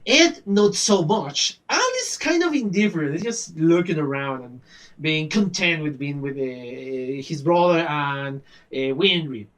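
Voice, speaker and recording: A man hosting an anime reaction video, recapping the episode in a chatty, animated way with frequent "uh" fillers. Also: on the high side, unhurried, distant mic.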